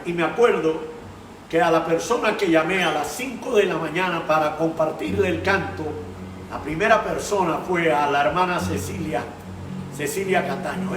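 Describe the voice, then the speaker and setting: Slow-speaking pastor preaching, roomy sound. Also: male voice, on the high side, recorded from a distance, a little hiss or hum. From Panama. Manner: slow and earnest, breaks into song. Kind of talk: sermon with singing.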